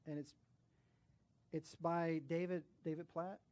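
A male pastor preaching and telling a story, animated, with hushed drops at solemn moments. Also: a little high, a little slow, dull audio. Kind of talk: sermon storytelling.

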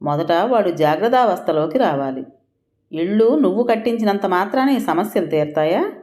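A woman reading the part of an older village landlord who speaks in an unhurried, reflective way. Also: medium pitch, animated, a little mellow, natural voice.

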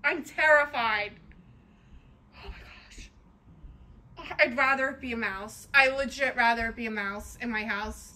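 A woman's voice: fairly high pitch, moderate pace, few pauses, bright, forceful tone. A woman vlogging at home in a frightened, panicky way, repeating herself, gasping and laughing nervously. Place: house interior.

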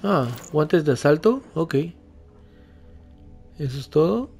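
Excitable man commenting on gameplay. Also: a little high, slow, vocal fry, soft background music. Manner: excitable, yelps and swears when startled. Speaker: let's play host.

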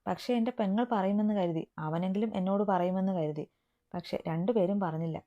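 Stern big brother guy voiced by a woman, mellow, kinda muffled recording. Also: medium pitch, brisk, natural voice. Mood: calm. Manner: stern, raises voice in anger. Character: stern protective older brother, young man. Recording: dull lo-fi recording.

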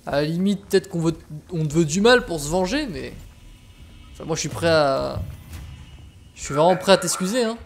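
A man's voice: a little high, lively intonation, normal speed, vocal fry, pauses often, soft background music. Exasperated man doing casual gaming commentary. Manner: exasperated, sweary. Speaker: let's player. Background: game ambience.

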